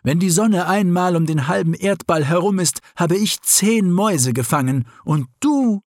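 A man's voice: high-pitched, expressive, measured pace, darkish tone, dry recording, clean studio sound, pitched above the performer's own voice. A man voicing a sleepy, curt old female owl with a snarling voice, in a storybook reading. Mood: brusque.

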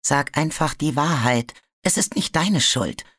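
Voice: medium pitch, animated, measured pace, fairly bright tone, no echo, clean studio sound. A storybook narrator voicing a nervous male dragon who stammers and hesitates. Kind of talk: audiobook character voice.

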